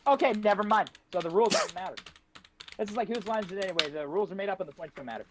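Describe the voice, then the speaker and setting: A young man in casual game chat, joking and cutting in on the others. He talks fast with a high voice. Keyboard typing clatters now and then behind him. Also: expressive, very noisy. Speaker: player.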